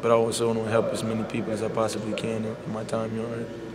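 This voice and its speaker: A young man, a college basketball player speaking softly and sincerely in a media scrum, leaning on "you know.". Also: on the low side, monotone, rapid-fire, a loud crowd. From Bahamas. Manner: soft-spoken and heartfelt, full of "you know". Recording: loud background noise.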